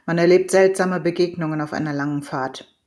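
A woman's voice: lowish voice, fairly even intonation, brisk, darkish tone, natural voice. A woman voicing a proud, hot-blooded male hunter and father in an audiobook reading, earnest and determined.

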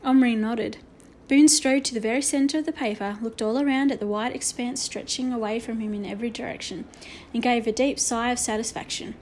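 A woman reads a children's story aloud, steady and expressive. Her voice sits a little high for a woman. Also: fairly quick, few pauses, slight background noise. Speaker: audiobook narrator. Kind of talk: children's book reading.

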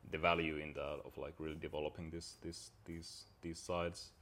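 Deep-voiced man, thoughtful and hesitant. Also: level tone, normal speed, fairly bright tone. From Finland. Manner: reflective, searching for words with frequent fillers. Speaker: podcast guest. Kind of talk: casual conversation.

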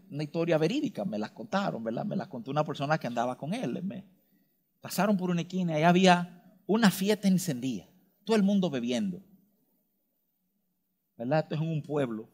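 A man preaching a sermon with emphasis, tossing in frequent rhetorical tag questions and moving between quick asides and slow, stressed words. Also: a little high, animated, a little mellow.

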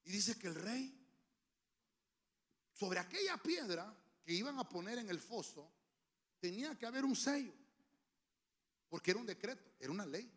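High, lively preacher man. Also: moderate pace, pauses often. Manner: emphatic, dramatic and humorous preaching with sudden shouts. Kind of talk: sermon. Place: church. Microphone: handheld microphone.

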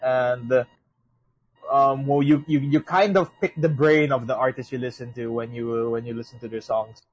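A man's voice: mid-range voice, steady tone, moderate pace, husky, rough recording. A young man co-hosting a casual podcast, rambling with lots of restarts and swearing. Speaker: podcast co-host. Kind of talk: casual chat.

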